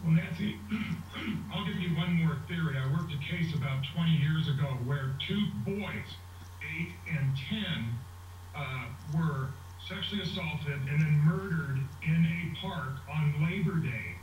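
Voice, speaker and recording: A retired police captain, a man, weighing theories in a measured way as a TV guest, heard as TV audio re-recorded through a speaker. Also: a little high, distant mic, slight background noise. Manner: measured, theorizing from past cases. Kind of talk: TV call-in commentary. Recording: dull, echoey TV sound played through a speaker from afar.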